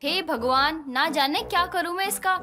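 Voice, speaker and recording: A woman's voice: very high-pitched, normal speed. A woman voicing a fretful mother-in-law. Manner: scolding, worried. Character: quiet, fretful middle-aged mother-in-law. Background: background music.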